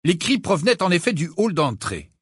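A man narrating an audiobook with expressive storytelling. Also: sits high, fairly quick, breathy edge, dry recording, clean studio sound. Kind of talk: scripted narration.

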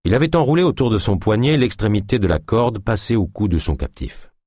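A man reading an audiobook aloud, in measured, even-paced narration. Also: fairly low pitch, slightly rough, no echo, clean studio sound.

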